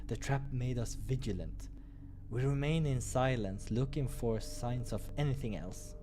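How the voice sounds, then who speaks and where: A man's voice: mid-range voice, measured pace, background noise. A man hosting a game playthrough, reading story narration expressively with casual asides. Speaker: gaming playthrough host and reader.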